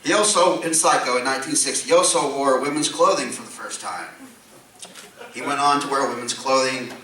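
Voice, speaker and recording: Echoey, bright-voiced man presenting an award. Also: medium pitch, a little fast. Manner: tongue-in-cheek. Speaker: presenter inducting an award honoree. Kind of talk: award presentation speech read aloud at a convention. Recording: echoey hall, distant mic, background noise.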